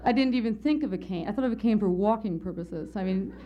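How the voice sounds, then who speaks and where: A woman's voice: medium pitch, fast, some chatter behind. A woman speaker at a conference telling a candid, wry personal story as part of her lecture. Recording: slightly muffled lo-fi lecture recording.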